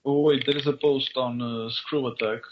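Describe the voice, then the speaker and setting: A man with an ordinary middle voice, heard over a dull, lo-fi call line with clearly audible noise behind him. He joins a casual gaming chat haltingly, breaking off and restarting his sentences. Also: medium pitch, steady tone.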